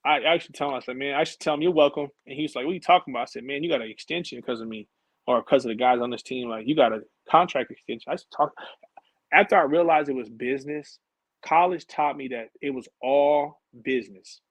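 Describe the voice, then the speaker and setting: Interview guest: husky-voiced man, mid pitch, animated and slangy, dry recording. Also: quick pace, no room sound, rough recording. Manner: animated, slangy storytelling, acts out his own past conversations. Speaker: interview guest, former college and pro basketball player. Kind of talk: casual storytelling interview.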